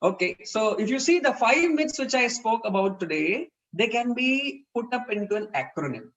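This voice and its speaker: A man's voice: extremely high pitch, expressive, moderate pace, a bit bright, low-quality recording. A man with an Indian English accent giving an earnest, explanatory parenting talk in an online webinar. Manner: earnest, explanatory, acts out quoted dialogue.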